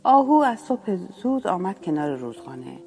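A woman narrating a children's story in a lively, expressive way. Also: medium pitch, soft background music.

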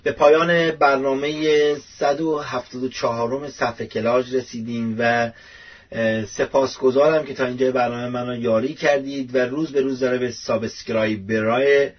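Over dull lo-fi audio, a YouTube show host rambles loosely through his commentary, leaning on lots of fillers. He has a mid-range voice with a breathy edge.

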